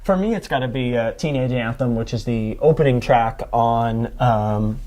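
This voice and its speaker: A man's voice: mid-range voice, moderate pace, a little mellow. A young man hosting a music podcast, talking casually with lots of fillers and restarts. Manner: rambling, many fillers and restarts. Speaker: podcast host.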